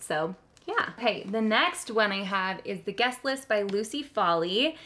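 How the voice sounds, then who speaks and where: A woman with a mid-range, slightly bright voice hosts a book haul video. She chats casually with viewers, gushing enthusiastically and giggling.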